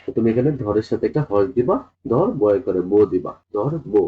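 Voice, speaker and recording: Male tutor, brisk repetitive explainer, lowish voice, lo-fi sound. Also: expressive. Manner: drawn-out repetitive explaining, addressing students directly. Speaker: teacher. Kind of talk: classroom lesson explaining spelling. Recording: tinny phone-like audio.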